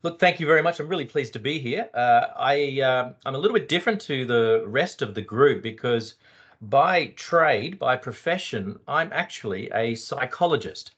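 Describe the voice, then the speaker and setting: A man's voice: medium pitch, fairly bright tone. Man with a broad Australian accent. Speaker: panelist, organizational psychologist. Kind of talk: conversational self-introduction at an online roundtable. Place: online video meeting. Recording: slightly dull online call audio.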